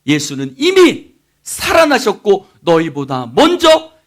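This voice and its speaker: A man's voice: high-pitched, wildly swooping pitch, takes it slowly, pitched above the performer's own voice, heavily acted. Guy putting on a playful angel, chuckling and scolding, big swooping voice. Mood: teasing.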